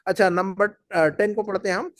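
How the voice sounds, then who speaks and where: A man's voice: high-pitched, fairly even intonation, a bit bright, no echo, studio quality. A male Arabic teacher leading a class, patiently repeating words and quizzing his students. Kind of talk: language class, drilling students. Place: class run from Bahrain.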